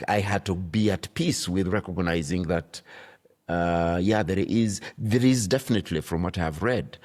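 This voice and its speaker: A man from Uganda with a low, deep voice. He talks like a bishop being interviewed on a podcast, slow to choose his words and weighing each thought as he goes. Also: darkish tone. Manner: thoughtful, deliberate, searching for words. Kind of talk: reflective conversation.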